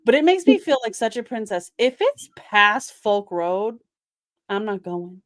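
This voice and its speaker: A woman's voice: mid-range voice, big pitch swings, measured pace, no echo, clean studio sound. A woman of Puerto Rican heritage hosting a casual chat, playful and sassy, with lots of "like". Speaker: podcast host.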